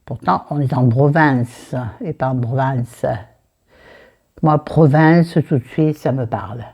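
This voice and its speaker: This woman has a bass voice, slow pace, and a slightly mellow, husky quality, plus a southern French accent. As a book vlogger, she talks casually about a book while putting on makeup at her dressing table, rambling, drifting off topic and muttering to herself. The camera is aimed at her mirror.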